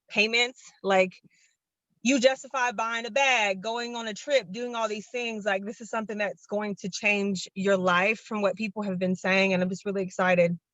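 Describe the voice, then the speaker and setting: A woman's voice: medium pitch, fairly bright tone, dry recording, dull audio. A young woman, out of breath, sharing a long-winded, earnest and enthusiastic testimonial on a video call. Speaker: program participant.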